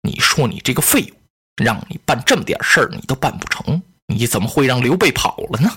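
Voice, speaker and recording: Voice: mid-range voice, very animated, fairly quick, pushed and bright, breathy edge, voice pushed down, heavily acted. A storyteller voicing a scheming noblewoman who scolds her younger brother with contempt. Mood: scornful. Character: scheming noblewoman, scornful older sister. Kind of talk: traditional storytelling.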